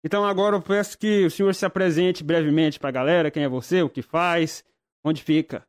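Fairly high-voiced young male interviewer. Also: steady tone, brisk. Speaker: student interviewer, host. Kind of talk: casual interview.

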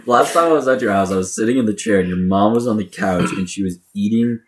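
Casting: young guy, giggly and animated, slightly low voice. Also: fast, noisy background. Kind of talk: casual chat.

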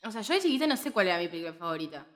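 Speaking very fast in a lowish voice, this twenty-something woman co-hosts a film podcast with a Rioplatense Spanish accent. She tells stories animatedly, laughing and using plenty of slang in a casual conversation.

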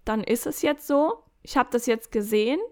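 A woman in a casual podcast chat, giving coaching advice in an animated way, acting out inner voices and adding jokey asides. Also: fairly high pitch, normal speed. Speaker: podcast guest.

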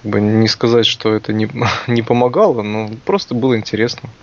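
Young man co-hosting, fairly low voice. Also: a little fast. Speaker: podcast co-host. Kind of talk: casual podcast talk. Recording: dull, lo-fi sound.

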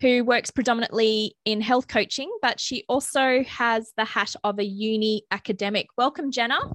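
Encouraging woman host with a higher voice. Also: fairly even intonation, a bit bright. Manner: encouraging, quick reactions, fillers. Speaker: podcast host. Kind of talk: casual interview chat.

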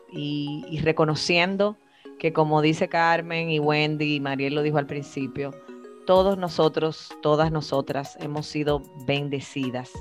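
Woman, low voice, reflective, emphatic, faint background music. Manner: reflective, emphatic, drawn-out phrasing. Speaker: podcast co-host. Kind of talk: casual chat among friends.

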